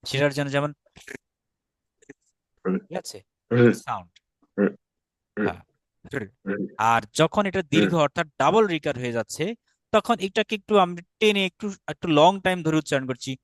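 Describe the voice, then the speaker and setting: A man's voice: a little high, lively intonation, brisk, long pauses, a bit bright, no room sound. A man with a Bangladeshi Bengali accent teaching an online Sanskrit class, patient and often checking that students follow.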